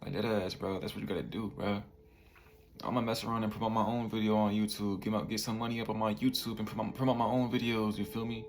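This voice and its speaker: This twenty-something vlogger talks fast in a fairly low, level voice, with a little hiss or hum in the audio. His motivational talk to the camera is relaxed and heavy on slang, peppered with "bro" and "you feel me."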